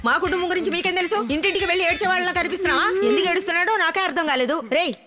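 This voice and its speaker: A woman's voice: very high voice, very fast. An actress playing a doting middle-aged mother who scolds sharply in a film comedy scene, with music behind. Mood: indignant.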